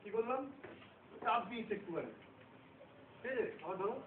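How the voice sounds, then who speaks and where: A man's voice: very high voice, lively intonation, normal speed. A man teaching self-defence in a live demonstration, often checking that his students follow. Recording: roomy, distant, phone-like sound with loud noise.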